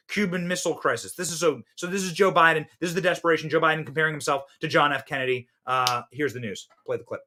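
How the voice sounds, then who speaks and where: A man delivers impassioned political commentary as a podcast host. His fairly high voice swings from loud outbursts to hushed, pointed asides. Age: 30s.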